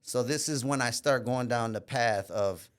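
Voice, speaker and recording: Candid and reflective, a podcast guest from Minneapolis, USA, walks through his life story in a casual interview. He speaks at medium pitch with a slightly bright tone, often adds "you know," and pauses to restart mid-thought.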